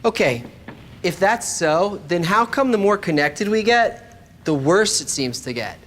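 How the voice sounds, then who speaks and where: A male lecturer with a high-pitched, lively voice, speaking a little slowly, gives an explanatory spiritual lesson. His delivery is conversational but scripted, addressing the listener directly with rhetorical questions, while background music plays amid a noisy background.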